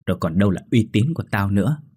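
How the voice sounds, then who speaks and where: A man's voice: fairly low pitch, expressive, racing, darkish tone, slightly rough. A man voicing an angry middle-aged father who grinds out each word in rage. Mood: furious. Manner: growling each word through anger. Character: stern middle-aged father, furious village official.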